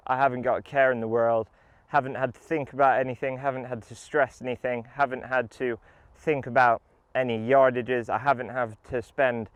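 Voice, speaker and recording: A man's voice: mid-range voice, a bit bright, clean tone, no echo, dull audio. A man giving an enthusiastic, casual product review while playing a round of golf outdoors. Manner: enthusiastic, upbeat.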